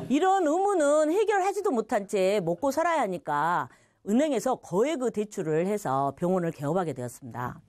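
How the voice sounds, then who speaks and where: A woman's voice: mid-range voice, big pitch swings, a little fast, few pauses, darkish tone, no room sound. A middle-aged woman telling her personal church testimony, acting out what others said and laughing now and then. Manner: storytelling with quoted voices and laughter.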